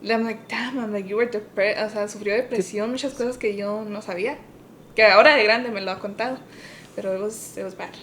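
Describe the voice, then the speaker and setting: A podcast co-host casually shares personal stories, switching between English and Spanish mid-sentence. Her steady voice moves at a moderate pace but rises high and loud when she quotes her parents, and there is a faint rumble in the background.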